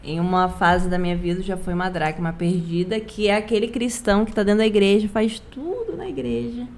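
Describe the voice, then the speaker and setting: A woman's voice: medium pitch, brisk, darkish tone, slight background noise. A young adult woman from Rondônia sharing an emphatic personal faith testimony as a guest, repeating phrases for stress. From Rondônia, Brazil. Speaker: guest, youth church leader.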